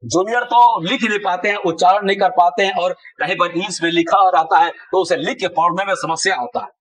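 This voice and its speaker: A man's voice: sits high, fairly even intonation, brisk, fairly bright tone, a little hiss or hum, low-quality recording. A man teaching a spelling lesson who drills letters and syllables aloud in long lists. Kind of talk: classroom-style spelling lesson.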